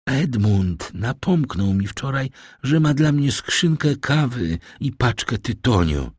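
A man's voice: mid-range voice, very animated, takes it slowly, husky, no room sound, pitched above the performer's own voice, heavily acted. A man reading the part of a frail, anxious old father in an audiobook, tremulous and clutching at hope, in a dry recording. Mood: hopeful.

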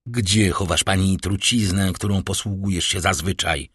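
A man reading an audiobook, voicing a cold, stern prosecutor who accuses his wife in a slow, cutting manner. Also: deep voice, steady tone, fairly bright tone, breathy edge, no room sound, clean studio sound. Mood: icy. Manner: icy, cutting, slow and menacing. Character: cold stern male prosecutor, middle-aged husband. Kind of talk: audiobook character voice.

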